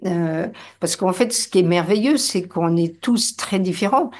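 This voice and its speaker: A woman's voice: fairly low pitch, a little slow, a little mellow. A woman speaking as a guest in a panel discussion, earnest and emphatic, with many hesitations.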